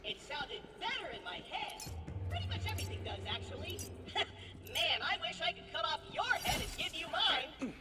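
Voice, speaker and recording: A very high, lively girl's voice runs a fantasy video game as its bossy, playful game master. The delivery swings theatrically between exclamation and muttering. It rings in a reverberant hall with music behind. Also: moderate pace, recorded from a distance, background noise. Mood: gleeful, scheming.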